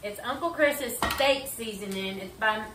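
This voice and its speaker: A woman's voice: on the high side, unhurried, background noise. A middle-aged woman co-hosting a home cooking video, chatting and explaining each step as she cooks in her kitchen. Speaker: cooking show co-host. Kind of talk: casual home cooking chat. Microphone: far camera across the room. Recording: echoey kitchen from far off.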